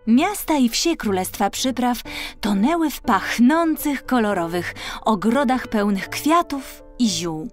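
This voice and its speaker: A woman narrates a scripted children's fairy tale as an audiobook storyteller, expressive and careful in her phrasing. Her voice is on the high side.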